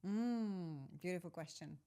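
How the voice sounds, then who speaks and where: A Polish woman in her forties whose first language is Polish appears as an executive coach guesting on a conversational podcast interview. Her voice is on the low side, clean and measured as she talks reflectively, searching for words, correcting herself and laughing softly.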